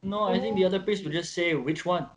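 A man's voice: sits high, steady tone, fast talker, noisy background. A man, co-hosting a podcast in playful, irreverent chat and acting out quoted voices. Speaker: podcast co-host. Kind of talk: joking casual chat.

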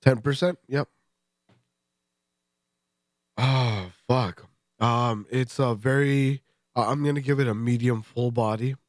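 A man's voice: medium pitch, fairly even intonation, unhurried, no room sound, studio quality. A congested man co-hosting a podcast, swearing and laughing as he describes a beer in casual detail. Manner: profane, joking, laughs often. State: stuffy, congested. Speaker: podcast co-host. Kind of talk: casual beer-tasting chat.

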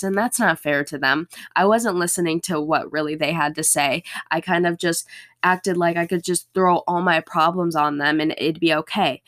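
A young woman hosting a casual solo podcast, speaking candidly, her voice a little thick and throaty, as if getting over swollen tonsils or a sore throat. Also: on the low side. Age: young adult. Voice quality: slightly altered voice after a bad sore throat, thick and throaty. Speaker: podcast host.

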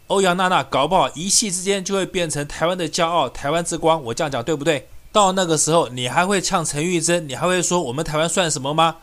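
Fast, combative male political commentator. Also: on the high side, fairly bright tone. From Taiwan. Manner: combative, scornful, rapid ranting. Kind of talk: opinion monologue.

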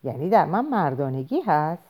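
A woman narrating an audiobook in an expressive storytelling manner. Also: low voice.

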